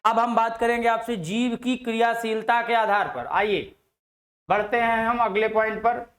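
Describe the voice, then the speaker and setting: A man's voice: very high voice, fairly even intonation, a little slow, fairly bright tone, reverberant. A male Hindi grammar teacher giving an exam-prep lesson. He asks rhetorical questions, answers them himself and draws out example syllables.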